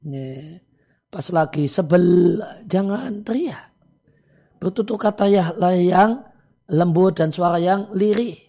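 Calm preaching Islamic cleric, man. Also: sits high. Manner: calm preaching, many "eh" and "ya" fillers. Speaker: Islamic cleric answering listener questions. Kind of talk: religious advice talk.

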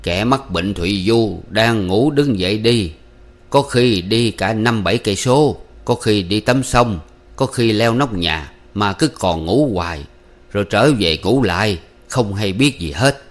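A man voicing an old man, a former cook, who questions slowly and deliberately. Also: on the low side, animated. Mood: probing. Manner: slow, probing, deliberate.

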